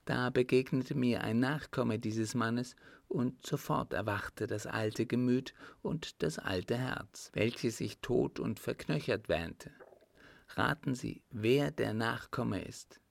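A man reading an audiobook, voicing a rich, resolute widowed countess in a raised, softly confiding voice. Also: medium pitch, slow pace, creaky, no echo. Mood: wistful.

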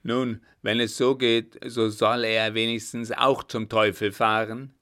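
Guy doing a nasty old vagabond cutthroat, loud and jeering, deep slow voice. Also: level tone. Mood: defiant. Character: old male vagabond assassin, sneering and brutal.

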